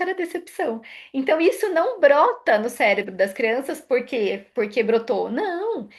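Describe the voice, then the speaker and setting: A woman with a Brazilian accent talks through parenting advice in a live session, her voice sitting a little high. She explains patiently and keeps checking in with her listeners through short tag questions. She often slips into short acted-out exchanges between parent and child. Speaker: psychologist.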